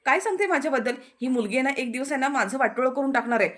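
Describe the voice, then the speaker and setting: A woman's voice: high-pitched, lively intonation, rapid-fire, fairly bright tone. A woman voicing a bossy, harsh mother who scolds children sharply, in a serial recap. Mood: scolding.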